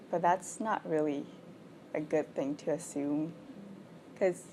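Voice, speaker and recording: A young woman from Thailand talks candidly in an interview, her voice a touch low and mellow. She sounds frank and chatty, dropping "like" often as she explains herself. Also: slight background noise. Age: 20s. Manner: frank and chatty, with frequent "like" fillers. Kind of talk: candid casual interview answers.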